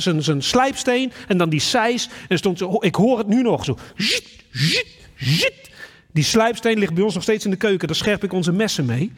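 A man's voice: high voice, slightly rough, long reverb tail. A man preaching a sermon, telling a personal memory and then reading scripture aloud.

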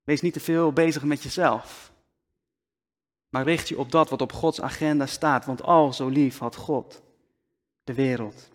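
A man preaching a sermon slowly and deliberately, often dropping to a near-whisper for emphasis, speaking into a microphone. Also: mid-range voice, fairly even intonation. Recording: long hall reverb.

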